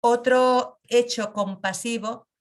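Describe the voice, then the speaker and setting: Slow, reflective woman teacher. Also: a little high, steady tone. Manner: slow, intimate, emphatic, with pauses. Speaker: meditation and personal growth teacher. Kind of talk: reflective lesson with personal stories.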